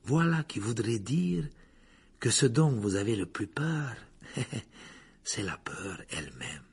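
Lupin, a man voicing a calm, gentle teacher. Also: fairly low pitch, husky, heavily acted. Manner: soft-spoken, measured, sometimes whispered. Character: calm, gentle adult male teacher, thoughtful.

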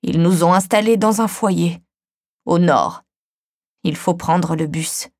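Woman doing a sad old man, weak voice, slow and quiet, very dry close sound. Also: lowish voice, dry recording. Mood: sorrowful. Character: frail, grieving elderly man, soft-spoken.

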